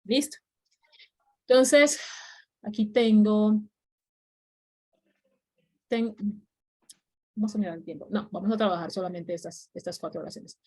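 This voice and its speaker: A woman's voice: medium pitch, fairly even intonation, normal speed, long pauses, dark tone, breathy edge. Patient woman teaching a class. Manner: patient, checks understanding often. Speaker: English teacher. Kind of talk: online class explanation.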